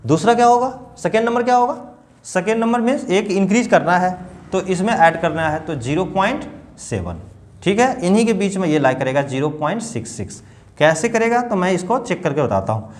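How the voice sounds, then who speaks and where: A man with a fairly high voice gives a math lesson to children. He works through each step patiently, repeats the numbers aloud and keeps asking the class questions. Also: sing-song, brisk. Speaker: math teacher.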